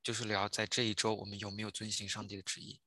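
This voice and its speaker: Male pastor, earnest sermon delivery with fillers and repeats; very bright, husky voice, dry close sound. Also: on the low side, monotone, quick pace, dry recording. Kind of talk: sermon with a personal testimony.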